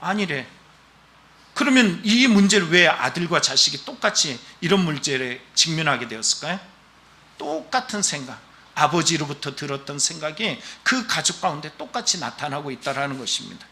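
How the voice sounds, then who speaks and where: A man preaching a Sunday sermon in a church, with a high-set voice that swings widely up and down. His tone is very bright and piercing. He presses his listeners with rhetorical questions and emphatic calls. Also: sing-song, normal speed. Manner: emphatic, exhortative. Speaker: pastor. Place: church during a worship service.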